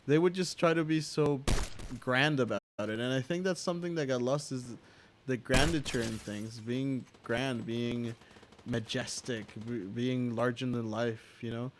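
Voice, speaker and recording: A young American man rants casually as a show host. He swears freely, wanders between points and restarts his sentences. His voice sits at an ordinary middle pitch. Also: fairly even intonation, unhurried, slight background noise. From United States. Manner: profane, rambling, with many restarts and filler asides. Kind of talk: casual opinion rant.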